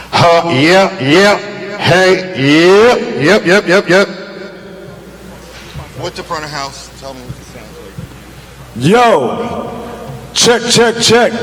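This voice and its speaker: A man's voice: a little high, fairly bright tone. A man doing a casual soundcheck on a live stage mic, counting and calling out checks, with delay and echo added to his voice. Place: concert stage in a large hall. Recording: roomy hall with long reverb.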